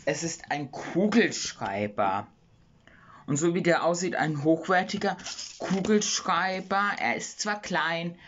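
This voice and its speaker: Low-voiced woman, chatty unboxing host. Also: slight background noise. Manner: chatty and relaxed, thinks aloud. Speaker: channel host testing prizes. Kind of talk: casual unboxing chat. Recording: dull lo-fi home recording.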